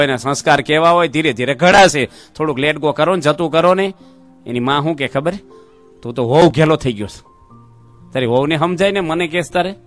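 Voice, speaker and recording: A man's voice: a little high, a bit bright. A man, a monk giving a sermon to a seated gathering and telling anecdotes. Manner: storytelling, briefly acting out the people in his stories. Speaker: monk giving a religious discourse. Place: religious gathering before a seated audience.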